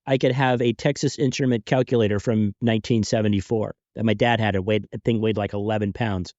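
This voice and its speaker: A man hosting a podcast in casual chat, excitable and rambling, laughing between thoughts, on a home podcast mic. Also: lowish voice, a little fast, dry recording, dull audio. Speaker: podcast host.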